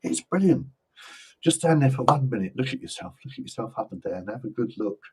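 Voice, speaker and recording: A man doing live psychic card readings in a gentle, reassuring and jokey way. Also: mid-range voice, animated, a little fast, slightly rough. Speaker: psychic reader.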